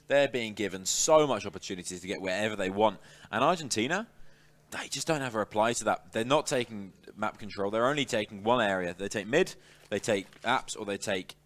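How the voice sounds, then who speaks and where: A man giving live esports match commentary, excitable and emphatic. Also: lowish voice, a little hiss or hum. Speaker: esports caster.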